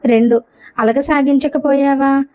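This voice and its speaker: A woman's voice: high voice, steady tone, measured pace, a little mellow. A woman voicing a blunt, teasing older brother in a storybook reading. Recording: dull lo-fi recording.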